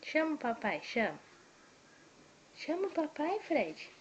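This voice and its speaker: A woman's voice: high voice, big pitch swings, slow, slight background noise. A woman talking baby talk to her pet at home, coaxing and drawing out her words in a sing-song way. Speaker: pet owner. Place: indoors at home, by a door. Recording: dull lo-fi home video.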